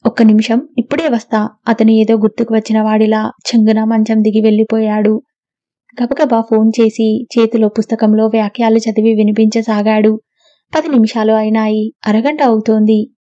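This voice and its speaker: A woman reads a novel aloud in steady, even storytelling. Her voice is mellow and fairly high, with a flat, level line. The recording is dry and a little dull. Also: moderate pace, no room sound. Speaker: audiobook narrator. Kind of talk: scripted narration.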